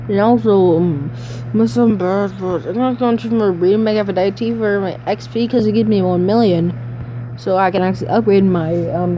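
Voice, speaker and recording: A woman giving casual gameplay commentary, excitable and rambling, jumping into high squeals and dropping to mutters. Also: a little hiss or hum, rough recording. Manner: rambling, trails off mid-sentence. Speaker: gaming channel host.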